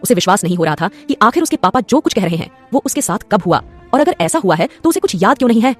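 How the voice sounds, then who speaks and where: Woman narrator, brisk dramatic audio story, faint music. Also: mid-range voice, big pitch swings.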